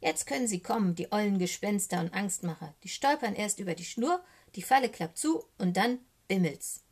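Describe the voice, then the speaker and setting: A woman voicing a cheeky little boy raven in a storybook reading, high and excitable. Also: moderate pace, natural voice. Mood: pleased. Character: cheeky small boy raven, bold yet easily scared.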